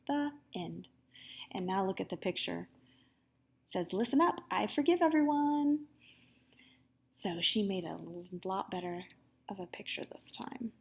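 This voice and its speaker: A woman teacher with a medium-pitched, husky voice reads a story aloud to young children, expressive and animated. She pauses now and then to chat with her listeners.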